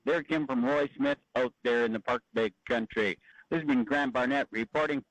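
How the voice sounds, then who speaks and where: A man's voice: mid-range voice, moderate pace, no room sound, poor audio. A man giving a plain-spoken, colloquial livestock market report. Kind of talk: folksy radio market report.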